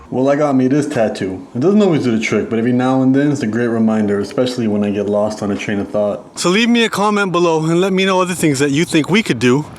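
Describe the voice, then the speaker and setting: A man's voice: medium pitch, a little hiss or hum. A man talking to camera in a reflective, encouraging way, thanking his viewers and asking them for comments. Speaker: vlogger.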